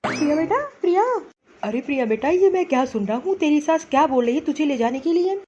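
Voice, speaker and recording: A woman's voice: high-pitched, lively intonation, fast, dark tone, dull audio. A woman voicing a kindly, reassuring father who soothes his crying daughter in a cartoon story. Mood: soothing. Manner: coaxing, reassuring.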